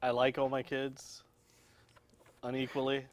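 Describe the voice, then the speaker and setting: A young man co-hosting a casual chat, giving blunt, curt, deadpan answers. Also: medium pitch, measured pace. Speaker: co-host.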